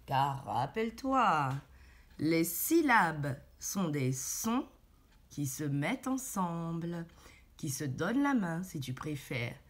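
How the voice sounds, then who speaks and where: A woman teacher giving a reading lesson to small children, speaking very slowly and carefully. Her low-ish voice rises and falls a lot as she sounds out each syllable. She is patient and encouraging, and she praises the child often. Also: very animated. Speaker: primary school teacher.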